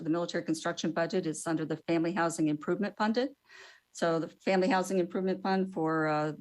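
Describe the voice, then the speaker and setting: Woman, slightly low pitch, government witness, formal testimony, careful bureaucratic explanations. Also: a little mellow, low-quality recording.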